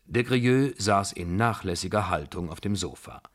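Low-voiced man narrating a novel. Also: expressive. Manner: measured, unhurried storytelling.

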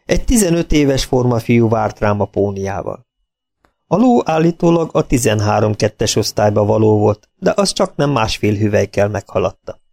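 A man's voice: fairly low pitch, big pitch swings, creaky, a little mellow. A man reading a first-person story aloud as an audiobook narrator.

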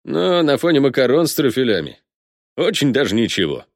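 A man's voice: medium pitch, sing-song, brisk, dry recording, studio quality, pitched above the performer's own voice. A man voicing a joking young male sniper who clowns around in a theatrical mock-announcer manner, in an audiobook. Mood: mock-solemn.

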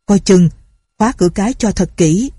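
Brief: woman reader playing a gruff old landlord, curt and commanding, dark husky tone. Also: medium pitch, expressive, moderate pace. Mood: tense. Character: wary, stern older male landlord and village chief.

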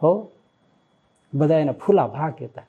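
A man, a monk, giving an expressive devotional sermon and telling a story with emotional, dramatic shifts in loudness. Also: fairly high pitch, measured pace, breathy edge, lo-fi sound. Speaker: monk giving a religious discourse.

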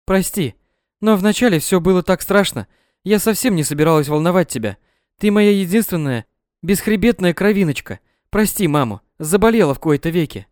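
A loud, domineering middle-aged mother, put on by a man in a high, nagging register for a storybook reading. She scolds and overdramatizes, her voice leaping up and down. The sound is close and dry. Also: lively intonation, normal speed, no echo. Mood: feebly pleading. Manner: shrill, scolding, melodramatic.

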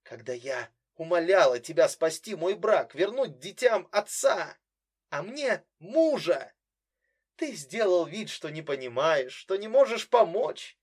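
A man's voice: high voice, very animated, unhurried, pitched above the performer's own voice, full character voice. A man reading a sarcastic, bitter young woman. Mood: accusing. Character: bitter, mocking young woman confronting her brother.

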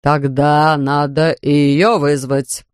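A gruff slow judge, voiced by a reader. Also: medium pitch, flat delivery, no echo, clean studio sound, voice pushed down, close to an everyday voice. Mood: stern. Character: stern pompous older male judge.

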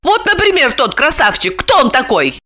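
A woman's voice: high-pitched, very animated, normal speed, sharp tone, voice pushed up, full character voice. A woman voicing a vain, scheming young wife in an audiobook, haughty and irritable.

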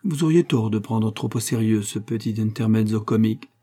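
A man voicing a gallant, smitten young nobleman in a storybook reading, speaking softly and earnestly. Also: fairly low pitch, brisk, close to an everyday voice. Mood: reassuring.

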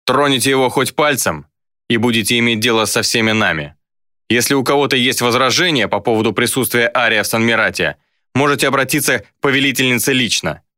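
A man's voice: medium pitch, brisk, sharp tone, dry recording, studio quality, voice pushed up, close to an everyday voice. A man voicing a stern male leader of a band of shadows, speaking with barked authority. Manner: barking, authoritative.

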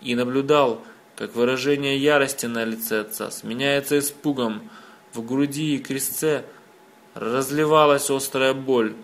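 A man narrating an audiobook in the first person, in a measured storytelling manner. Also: mid-range voice, fairly even intonation, a bit bright.

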